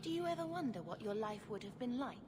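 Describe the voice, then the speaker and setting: Casting: female actor for naive, questioning game companion. Higher register, lively melody. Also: fast talker, noisy background, close to an everyday voice. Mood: earnest. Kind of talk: video game character dialogue.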